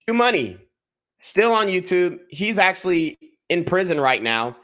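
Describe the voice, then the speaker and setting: A man's voice: high-pitched, sing-song, measured pace, a bit bright. A young man giving a heated commentary rant on a livestream, repeating himself and restarting as he gets worked up. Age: young adult. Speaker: YouTube commentator.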